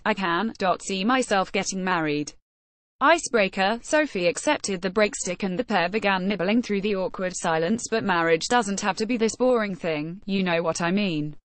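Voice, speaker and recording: A woman's voice: mid-range voice, no echo. Dry synthetic female news reader. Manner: synthetic, literal reading of punctuation and dates. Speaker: article reader. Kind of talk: scripted news narration, read-aloud article.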